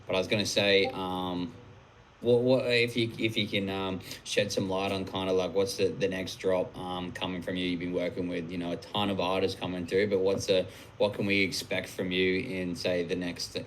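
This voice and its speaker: A male host asks casual questions in a low, flat voice, full of fillers and restarts. He sounds a little distant from the mic, with faint hiss behind him. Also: normal speed. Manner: loose, hesitant questions with fillers.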